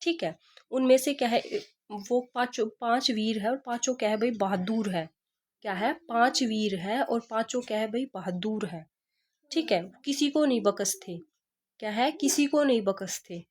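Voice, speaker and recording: Teaching exam preparation, this woman uses mnemonic tricks and a calm, patient delivery at an ordinary pace. Her voice is a bit high, and she keeps repeating questions with their answers, tossing in a rhetorical "kya hai?".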